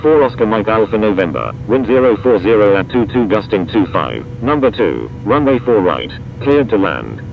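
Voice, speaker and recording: A man's voice: sing-song, moderate pace, gravelly, hardly any pauses. A man speaking as an air traffic controller, reciting procedural instructions in set radio phraseology. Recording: muffled radio with loud rumbling noise.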